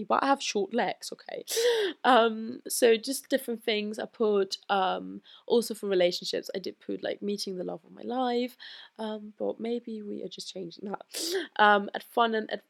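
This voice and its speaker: Candid, sweary young woman with vocal fry. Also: mid-range voice. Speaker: podcast host. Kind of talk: casual solo podcast talk.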